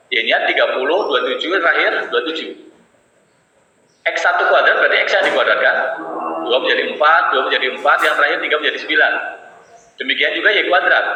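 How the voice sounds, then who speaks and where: A man's voice: on the high side, sharp tone, slight background noise. A male university statistics lecturer, giving a classroom lecture and explaining step by step with everyday examples. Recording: echoey classroom, dull sound.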